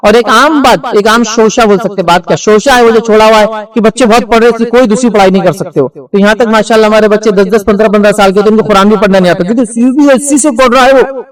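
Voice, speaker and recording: Rapid, high-voiced preacher. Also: male voice, rough recording. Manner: earnest, lecturing, with rhetorical questions and asides. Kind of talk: Friday sermon lecture.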